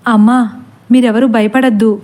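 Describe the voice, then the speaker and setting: A protective father calls out urgent orders to his family, as a female storyteller reads his lines. The delivery stays in a high, mellow register. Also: level tone, moderate pace, close to an everyday voice. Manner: urgent, commanding.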